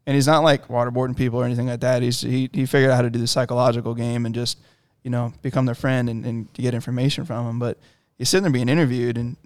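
A man's voice: mid-range voice, flat delivery, quick pace, few pauses, a little mellow, smooth, no room sound. A man in casual chat, telling long rambling stories with lots of fillers. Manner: rambling storyteller with many fillers.

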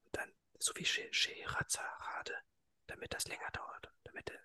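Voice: normal speed, sharp tone, no echo. A podcast co-host whispering a story, stumbling and restarting words. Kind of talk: whispered casual chat.

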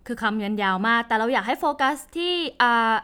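A woman's voice: fairly high pitch, a little fast, bright, forceful tone, clean tone. Chatty young woman explaining lessons. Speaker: language podcast host. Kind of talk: casual spoken lesson.

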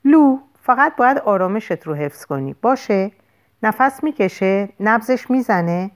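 A woman voicing a firm, steady female paramedic giving urgent orders, in an audiobook. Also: medium pitch, pitched above the performer's own voice, lightly acted.

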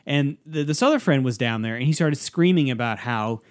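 A man's voice: mid-range voice, animated, a little fast. A man co-hosting a podcast, telling a long rambling story in casual chat and acting out the quotes. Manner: rambling anecdote with acted-out quotes. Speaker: podcast co-host.

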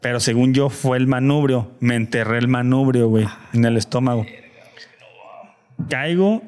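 A man's voice: mid-range voice, normal speed, darkish tone, clean tone. Slangy Mexican man telling a story. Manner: slangy, swears often, acts out quoted voices. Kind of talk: casual storytelling among friends.

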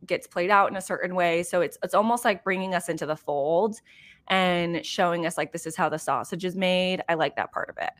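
A woman's voice: fairly low pitch, fairly quick. A chatty woman hosts a podcast, talking loosely with a friend. She rambles, giggles often and leans on filler words. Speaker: podcast host. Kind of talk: casual chat.

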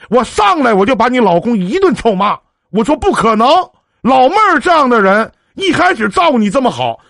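A man's voice: extremely high pitch, gravelly, fairly bright tone, no echo. Northeastern mandarin guy doing live-stream love advice by phone, brash and jokey, bouncy voice, dry close sound. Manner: brash, joking, swears, chummy big-brother banter. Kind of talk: casual phone counseling chat on a live stream.

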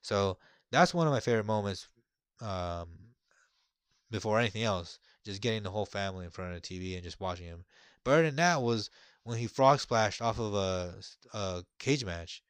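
A man in casual conversation, telling stories in a relaxed, rambling way with lots of fillers. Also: fairly low pitch, moderate pace, clear, resonant tone, dry recording, clean studio sound. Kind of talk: casual chat.

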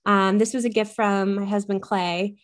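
A woman's voice: mid-range voice, level tone, normal speed. Chatty woman guest with frequent ums. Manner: chatty, many ums, enthusiastic. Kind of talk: casual podcast interview.

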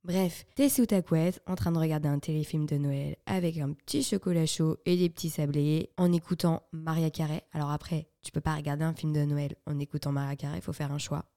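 Chatty young woman podcast host, low and mellow. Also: steady tone, fairly quick, hardly any pauses, no echo, studio quality. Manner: chatty, playful, self-mocking. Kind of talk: casual chat.

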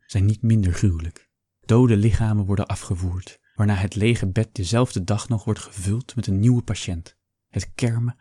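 A man reading a first-person story aloud in a calm, measured storytelling manner. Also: lowish voice, breathy edge, no room sound, studio quality. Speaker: audiobook narrator. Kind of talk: scripted first-person narration.

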